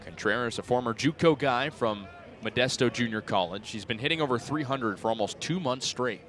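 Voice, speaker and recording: A man in his twenties gives brisk radio play-by-play of a baseball game in a medium-pitched, slightly bright voice. He's broadcasting from an outdoor ballpark, and the stadium's crowd and music sit behind him.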